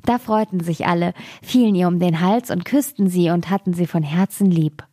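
A woman reading a fairy tale aloud for a radio podcast in a calm, even storytelling manner. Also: fairly low pitch, moderate pace, dry recording, studio quality.

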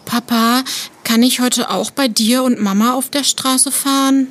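A woman acts a young schoolgirl of seven in a children's audio story. The voice is fairly high, polite and full of curious questions. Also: fairly even intonation, a little slow, a bit bright. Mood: curious, pleading. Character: curious, polite seven-year-old girl. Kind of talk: children's educational audio play.

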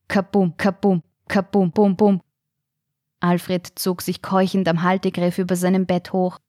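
A woman reading a story aloud in a measured, calm storytelling manner. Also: medium pitch, no room sound, studio quality. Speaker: narrator. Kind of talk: audiobook narration.

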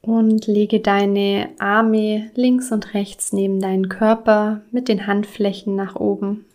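A woman guiding a body scan meditation, speaking softly and soothingly, with some words in a breathy whisper. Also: mid-range voice, level tone, slow. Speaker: meditation guide.

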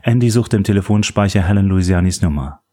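A man reading a thriller audiobook in a steady, suspenseful narration. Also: low-pitched, fast. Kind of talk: scripted narration.

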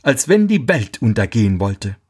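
A man voicing a miller's sly, deceitful wife in a fairy tale read aloud, with a high, fluttering tone. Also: sing-song, normal speed, breathy edge. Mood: feigned relief.

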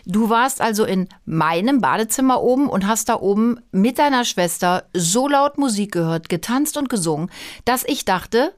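A woman's voice: medium pitch, moderate pace. A woman in casual chat, a mother who tells stories and teases in playful back-and-forth banter. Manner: teasing, lively storytelling. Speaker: podcast host, mother.

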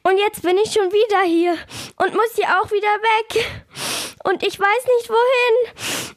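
A woman's voice: high voice, measured pace, no echo, studio quality. Hilde Haselmaus, a woman doing a fretful little dormouse. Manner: whiny, fretful. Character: tired, anxious little female dormouse. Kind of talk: children's audio story acting.

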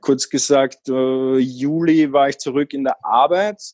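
A man's voice: mid-range voice, steady tone, measured pace, darkish tone, no echo, dull audio. A man from Austria, a guest in a casual interview, talking in a rambling way with many fillers and restarts.

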